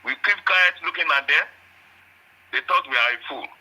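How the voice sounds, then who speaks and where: A man's voice: fairly high pitch, normal speed, bright, forceful tone, poor audio. A man calling in to a radio phone-in over the phone, speaking in an emphatic, repetitive, heated way. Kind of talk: phone-in call.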